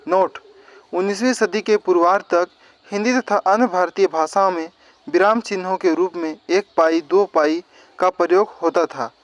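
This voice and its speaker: A male teacher gives an exam-prep grammar lesson, explaining step by step and repeating definitions. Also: sits high.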